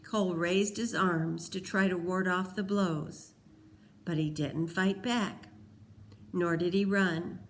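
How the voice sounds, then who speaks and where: A woman reading a novel aloud, in a slow, deliberate storytelling manner. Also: on the low side, fairly even intonation, slight background noise, rough recording. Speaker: audiobook reader.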